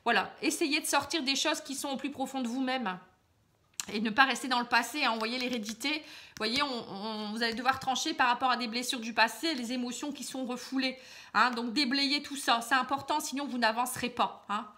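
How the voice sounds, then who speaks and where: A woman with a high, bright voice giving a casual card reading straight to the viewer. She talks in a loose, chatty way, full of fillers and little tags. She keeps advising the listener gently. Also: brisk. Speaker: card reader. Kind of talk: casual tarot reading to camera.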